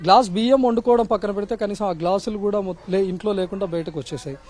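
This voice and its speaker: A man's voice: high-pitched, a little mellow. A man reporting live and urgently from a flooded neighborhood outdoors. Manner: urgent, rapid, emphatic. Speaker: field reporter.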